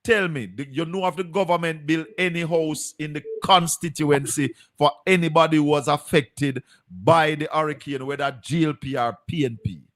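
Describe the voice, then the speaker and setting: A man's voice: on the high side, normal speed, few pauses, a bit bright. A man with a Jamaican accent hosting a live stream, pressing his guest with insistent, point-by-point questions.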